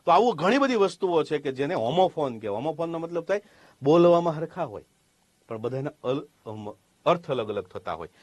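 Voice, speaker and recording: A man's voice: a little high, very animated, brisk, a little mellow, no echo. A man with a Gujarati accent, a native Gujarati speaker, teaching a spoken English class step by step, asking questions and repeating examples. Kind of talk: classroom lesson.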